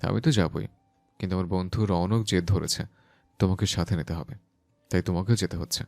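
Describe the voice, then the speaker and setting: Guy doing a stern young husband, gruff and impatient, lower voice, audio drama. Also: steady tone, a little fast, darkish tone. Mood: irritated. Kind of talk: Bengali audio story acting.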